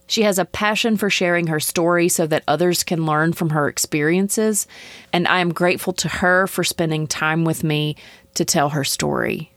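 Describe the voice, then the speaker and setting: Woman, podcast host, encouraging, low-pitched, dry. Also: normal speed, dry recording. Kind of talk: interview host, reading an introduction.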